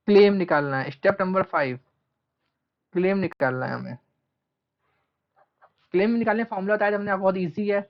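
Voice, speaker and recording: A commerce teacher lecturing a class, asking questions and answering them himself, repeating key terms and drawing them out slowly as he writes. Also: high-pitched. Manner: stretches out terms slowly while writing. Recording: dull lo-fi recording.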